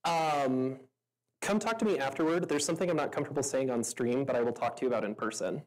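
Talking fast in a very deep, slightly mellow voice, a woman responds to audience questions at a meetup from a stage in a venue. Her style is casual and gabby, thick with fillers and frequent laughs, and the audio quality is poor.

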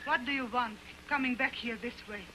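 A woman playing a frightened, high-voiced young wife. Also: brisk, noisy background, lightly acted. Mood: defensive. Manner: pleading, distressed. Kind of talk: early sound film acting.

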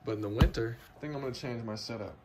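A young man casually walking through his camping gear in a home basement, talking to a handheld phone camera in a relaxed, chatty way. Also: mid-range voice, racing, background noise. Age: young adult. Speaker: outdoor gear vlogger. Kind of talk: casual vlog walkthrough. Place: home basement room, indoors. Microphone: phone camera held close.

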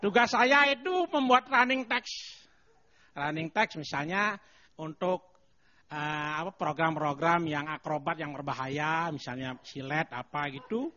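Older guy doing lively stand-up on a tv stage, bright edgy voice, dull lo-fi sound. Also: sits high. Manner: animated, chanting mock announcements in a raised voice. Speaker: guest stand-up comedian. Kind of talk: stand-up comedy routine. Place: TV studio stage with live audience. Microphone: handheld mic on stand. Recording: dull lo-fi TV broadcast.

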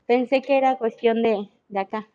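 A woman's voice: a little high, fairly even intonation, normal speed, dark tone, muffled recording, a little hiss or hum. A woman teacher with a Mexican Spanish accent, explaining patiently in an online class and checking that students follow. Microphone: video call.

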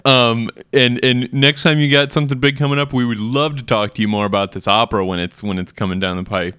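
A man's voice: mid-range voice, fairly even intonation, brisk, sharp tone, clean tone, no echo. Guy hosting a podcast, dry mic, loose easygoing talk. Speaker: podcast host. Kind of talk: casual podcast chat.

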